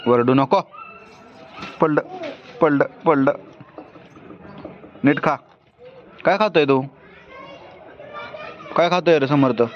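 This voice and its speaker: In a home vlog, a mother with a deep voice chats casually with her small kids, alternating between scolding, coaxing, and fussing over them. She speaks slowly with long pauses; the lo-fi sound is dull, with loud outdoor noise and a faint crowd.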